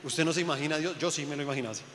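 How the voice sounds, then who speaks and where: High, bright-voiced preaching man. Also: rapid-fire, slight background noise. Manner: emphatic preaching, rhetorical questions to the congregation. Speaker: pastor. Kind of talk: sermon. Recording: echoey hall with long reverb.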